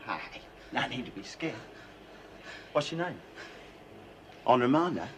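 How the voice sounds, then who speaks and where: A man's voice: medium pitch, sing-song, unhurried, fairly bright tone, a little hiss or hum. An actor playing a leering, menacing male prisoner with a taunting manner. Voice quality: sleazy, taunting. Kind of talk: TV drama acting. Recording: music under the dialogue.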